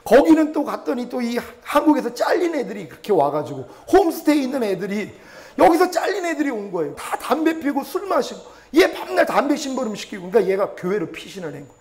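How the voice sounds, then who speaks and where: A man's voice: very high voice, sing-song, quick pace, hardly any pauses, a little mellow. A middle-aged man, a pastor, preaching a sermon and telling a personal testimony with emotion, acting out prayers and quoted voices.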